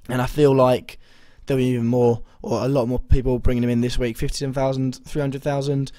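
Mellow, slightly hoarse young man. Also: mid-range voice, little pitch movement, normal speed, no echo. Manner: rambling, hesitant, full of ums and self-corrections. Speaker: fantasy football vlogger. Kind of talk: casual video commentary.

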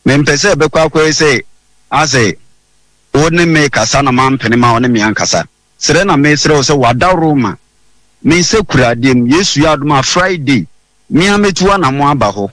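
A man's voice: fairly high pitch, expressive, a little fast, fairly bright tone, no echo. Pleading Ghanaian man on a call. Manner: pleading, evasive, repeating polite apologies. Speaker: pastor calling in. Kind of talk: phone-in call.

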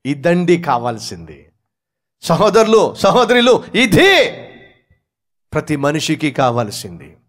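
A man's voice: fairly high pitch, huge pitch swings, slow, pauses often, a bit bright. A male pastor preaching a storytelling sermon, acting out the characters in his story.

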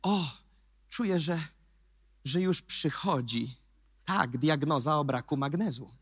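A man preaching a sermon as pastor, emphatic, swinging from quiet remarks to shouted questions. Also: on the high side, slow, husky, dry recording.

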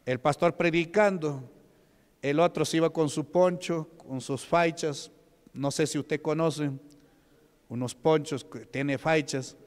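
A man's voice: on the high side, fairly even intonation, slow pace. A man with a Peruvian Spanish accent giving a conversational testimony sermon as a pastor, often putting questions to his congregation. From Peru. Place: church hall. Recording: long hall reverb.

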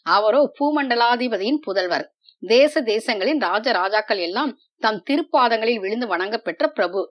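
A woman voicing a proud, wounded young female dancer in a storybook reading, with measured delivery. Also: fairly high pitch, expressive, natural voice. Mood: indignant.

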